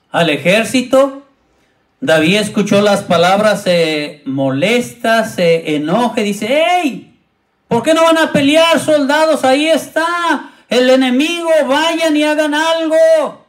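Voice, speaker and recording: A man, a pastor, preaching a sermon, retelling a Bible story and speaking directly to his congregation. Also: high-pitched. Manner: retells a Bible story, acting out the quoted speakers in raised voices.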